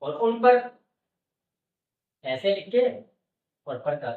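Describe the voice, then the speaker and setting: A man's voice: high voice, sing-song, extremely slow, far from the mic. A man teaching shorthand at an easy pace, patiently walking through each sign and checking in with the viewer again and again. He sits back from the mic in an echoey room, and the sound comes through dull and muffled. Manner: patient, repeats "okay" and "look carefully" often. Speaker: stenography teacher. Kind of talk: classroom-style explanation.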